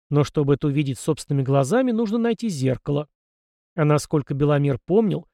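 A man reads an audiobook aloud in a steady, even storytelling manner. His voice sits fairly high. The sound is dry and close to the mic. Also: no room sound. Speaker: audiobook narrator. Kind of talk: scripted narration.

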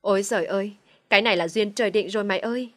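A brash, loyal young friend in an audio storybook, blunt and quick to get worked up, as a woman narrator plays her. She talks at a middle pitch for a woman. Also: no room sound, natural voice. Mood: excited.

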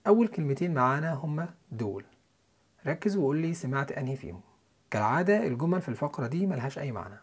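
A young man with an Egyptian Arabic accent, teaching English listening and pronunciation in a quick, chatty way. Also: on the high side, expressive, slightly rough. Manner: quick, chatty lesson delivery with spelled-out letters and repeated example words.

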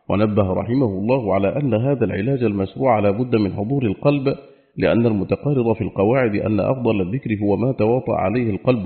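A man reading a religious book aloud in a formal, steady, measured recitation. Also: on the low side. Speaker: audiobook reader. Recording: narrow phone-like audio.

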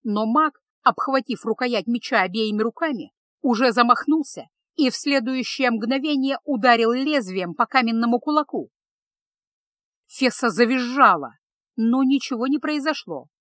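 Woman reading a fantasy book out loud, fairly high voice, dry close sound. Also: no room sound. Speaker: audiobook narrator. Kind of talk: storybook narration.

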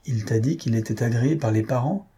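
A man's voice: mid-range voice, fairly quick, mellow, husky. A man reading aloud, voicing a stern, irritable elderly aunt who scolds her nephew. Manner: scolding, indignant.

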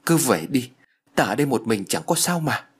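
A man's voice: medium pitch, expressive, moderate pace, slightly rough. A man doing an anguished old bedridden man. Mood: reassuring. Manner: pleading, anguished.

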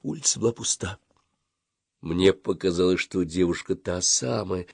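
A man reading a story aloud in an expressive, storytelling manner. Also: deep voice, normal speed, gravelly, husky, dry recording, studio quality. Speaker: narrator. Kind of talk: audiobook reading.

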